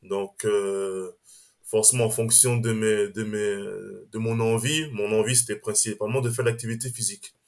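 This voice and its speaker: A man's voice: lowish voice, fairly even intonation, normal speed, darkish tone. Hesitant man, podcast guest. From Strasbourg, France. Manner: hesitant, restarts phrases, says "on va dire" often. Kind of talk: casual interview chat.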